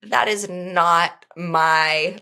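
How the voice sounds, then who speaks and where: A woman in her thirties, a podcast guest speaking in an earnest, reflective way with frequent pauses and fillers. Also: lowish voice, steady tone, creaky, pushed and bright, smooth. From United States. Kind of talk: podcast conversation.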